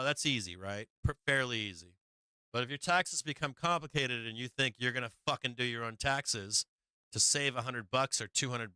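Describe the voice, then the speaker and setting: A man hosts a stock market livestream in a bright, smooth, resonant voice, recorded dry and close. He tells stories casually, with frequent fillers and swearing. He acts out the people he quotes in a raised voice. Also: medium pitch, dry recording. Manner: profane, rambling, with many fillers.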